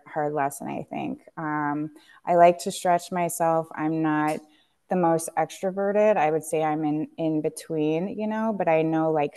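A woman's voice: low-pitched, a little mellow, clear, resonant tone. A woman, a company founder, speaking candidly and reflectively on a podcast, with frequent fillers and restarts. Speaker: guest, tea company founder.

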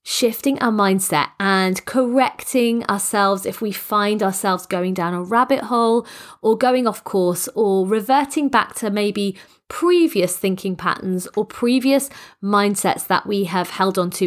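A croaky, congested woman in middle age talks alone into a close podcast microphone. She's a business coach, motivational and enthusiastic, and her sentences run long. Her pitch sits in an ordinary middle range. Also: unhurried. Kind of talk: solo podcast monologue.

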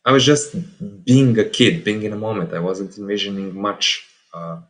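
A man of twenty-nine with a Serbian accent, talking reflectively as an interview guest, often halting and rephrasing his words. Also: fairly low pitch. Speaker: podcast guest.

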